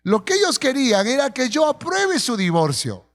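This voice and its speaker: A male pastor with a Peruvian Spanish accent, preaching a sermon in church and telling stories with slow, emphatic phrasing. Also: very high voice, huge pitch swings, fairly bright tone. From Peru. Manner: storytelling with acted quotes, slowing for emphasis.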